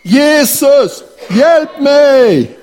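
Blind male beggar, pleading shouts, pitched up high; a man acts it out. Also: level tone, long reverb tail, lightly acted. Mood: desperate shouting.

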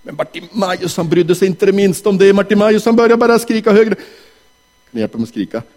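Animated man telling a story to children, high and swooping voice. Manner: animated, asks the audience questions. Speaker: children's talk leader.

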